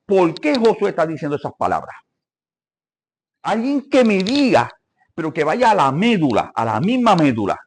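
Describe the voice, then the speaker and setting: A man's voice: a little high, huge pitch swings, normal speed. An older man teaching a church Bible lesson, asking the congregation questions and calling for amens.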